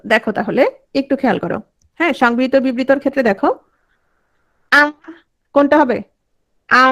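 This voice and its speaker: A woman teaching a class, sounding out vowels and quizzing her students. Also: high-pitched. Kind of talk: online class lecture.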